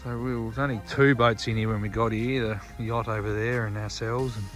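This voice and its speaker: An Australian man giving a relaxed, chatty running commentary from a catamaran, filmed on a phone. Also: on the low side, fairly quick, faint music behind. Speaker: sailing vlogger. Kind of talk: casual narration on a boat. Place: on a catamaran outdoors.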